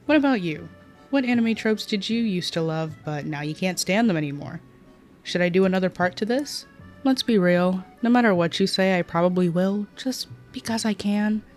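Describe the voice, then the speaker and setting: A woman's voice: medium pitch, lively intonation, moderate pace, a little mellow, faint music behind. A young woman talking through her anime commentary in a candid, self-mocking way and swearing at her own slip-ups, with a slightly nasal voice. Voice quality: says she sounds nasal. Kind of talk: casual scripted commentary with outtakes.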